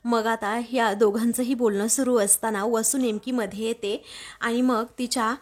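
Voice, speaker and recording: A woman's voice: on the high side, steady tone, moderate pace. Woman retelling a serial episode. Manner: storytelling recap that reads out each character's lines in a light acted tone. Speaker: episode recap narrator.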